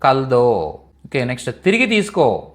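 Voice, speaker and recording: A man's voice: mid-range voice, huge pitch swings, normal speed. A man teaching in a live online language class, repeating each phrase patiently for students. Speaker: Hindi teacher.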